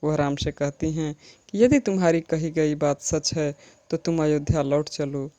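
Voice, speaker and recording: Woman teacher, slow and measured, recites verse then explains it; lowish voice. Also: dark tone. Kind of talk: Hindi poetry lesson explanation.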